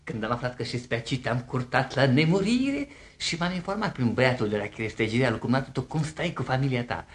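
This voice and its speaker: A man's voice: medium pitch, expressive, lightly acted. A man playing a pompous young lovesick suitor. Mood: lofty. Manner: bombastic, flowery, stumbling over fancy words. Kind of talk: table reading of a stage comedy.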